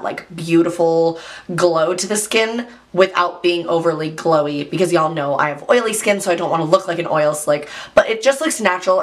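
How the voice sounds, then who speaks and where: A woman talking casually about her favorite beauty products, hoarse after losing her voice, chatty and full of "like", clearing her throat now and then. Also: lowish voice, a bit bright. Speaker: beauty vlogger. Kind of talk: casual chat.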